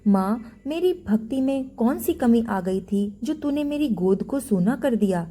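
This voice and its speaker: A pious, gentle old mother from a village folk tale, voiced by a woman narrator. She pleads and implores in a mellow, warm voice. The telling is storybook style. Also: on the high side, expressive, a little slow. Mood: desperate pleading.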